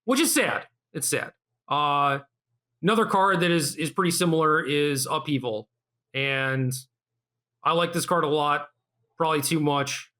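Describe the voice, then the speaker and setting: A man hosting a podcast, chatting casually with quick, relaxed reactions. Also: fairly high pitch. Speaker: podcast host. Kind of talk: casual chat.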